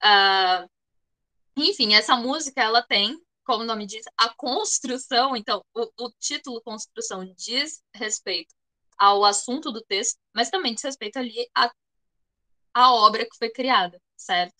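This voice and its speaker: A woman with a Brazilian Portuguese accent speaks at normal speed in a bright, forceful, fairly high voice as she walks her online students through the material step by step, frequently making sure they keep up. The recording is low quality.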